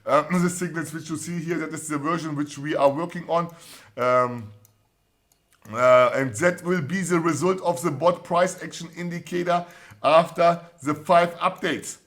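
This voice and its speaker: A man's voice: a little high, fairly even intonation, fairly bright tone. A man with a German accent hosting a trading channel, reading viewer comments in casual, encouraging talk full of fillers and restarts. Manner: halting, many fillers and restarts, repeats set phrases; upbeat, encouraging.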